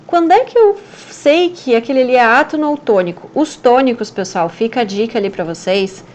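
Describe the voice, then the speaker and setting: A woman's voice: on the high side, expressive, brisk, a little mellow. A woman teacher, explaining grammar over slides and checking in often with the class. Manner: patient, checks in often with "né?" and "certo?".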